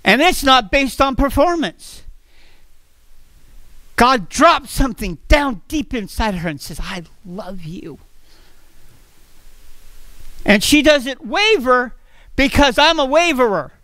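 A man's voice: very high voice, lively intonation, unhurried, sharp tone, no echo. A man preaching a sermon at a church fellowship, earnest and repeating phrases as he goes.

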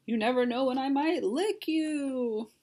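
A woman's voice: high-pitched, unhurried, warm tone, pitched above the performer's own voice. A woman reading aloud, voicing a scruffy, slobbering male monster who whines and slurps. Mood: whiny. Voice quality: slurping, whiny.

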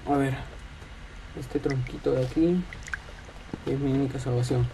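A man's voice: medium pitch, fairly even intonation, unhurried, gravelly, very noisy. A man commentating a horror game, his voice trembling with fear as he mutters and yelps nervously. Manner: jittery, frightened exclamations and muttering. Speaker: gaming channel host.

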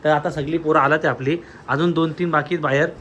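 Young man vlogging, bright and teasing. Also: a little high, fairly even intonation, quick pace, slight background noise. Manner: teasing, laughing banter. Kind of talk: casual vlog chat.

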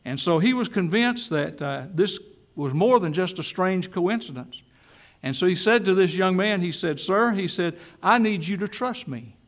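A man's voice: high voice, expressive, normal speed. A man preaching a sermon in a church, telling a story and then making an emphatic appeal before leading a prayer. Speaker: pastor.

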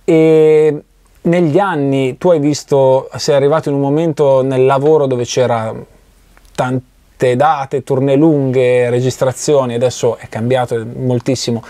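A man's voice: medium pitch, fairly even intonation, measured pace, mellow, no echo, studio quality. A man from Italy hosting an interview, asking questions attentively and often agreeing along the way. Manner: attentive, frequent short agreements. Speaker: interviewer, channel host. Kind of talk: conversational interview. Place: recording studio.

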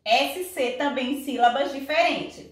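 A woman teacher takes her class through the material slowly and patiently. Her voice sits high and she keeps asking whether everyone understands. The sound is echoey and comes from some distance away. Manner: patient, checks understanding with repeated questions. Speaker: Portuguese teacher. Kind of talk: recorded class lesson.

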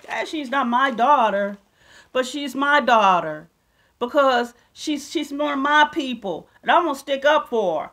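A woman's voice: sits high, lively intonation, unhurried, fairly bright tone. A woman giving ranting, preachy commentary, mocking and combative as she calls out critics and reads scripture. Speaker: self-styled prophetess vlogger.

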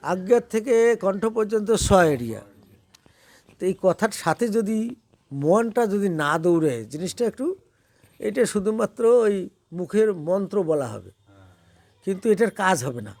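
A man's voice: high-pitched, darkish tone, no room sound. A man who teaches a small group about prayer and mantra practice, asking them questions as he goes. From Bangladesh. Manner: explains by asking questions, then chants slowly. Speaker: religious teacher.

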